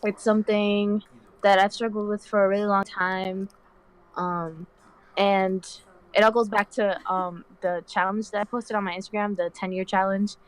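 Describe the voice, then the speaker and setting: A woman's voice: mid-range voice, little pitch movement, normal speed, clear, resonant tone, poor audio. A nineteen-year-old woman from the Dominican Republic, chatting as a guest on a live stream in a slangy, rambling way full of "like". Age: young adult, 19. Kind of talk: casual chat on a live stream.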